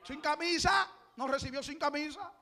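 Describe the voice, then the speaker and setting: A middle-aged man, preaching a sermon with passion, often shouting and repeating his phrases. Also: very high-pitched, moderate pace. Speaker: pastor.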